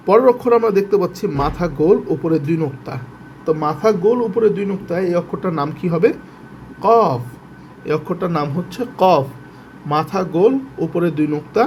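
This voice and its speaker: A man teaching Quran reading in a Bangladeshi Bengali accent, patiently spelling out letters and repeating each syllable slowly. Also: high-pitched, darkish tone, slight background noise. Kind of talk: step-by-step reading lesson.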